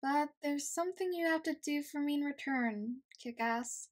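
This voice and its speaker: A woman acting as a young girl vigilante in a comic dub. Her voice is high, and she talks in a blunt, confident, bossy and foul-mouthed way. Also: moderate pace, lightly acted. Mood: earnest, bossy. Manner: confident, blunt, matter-of-fact.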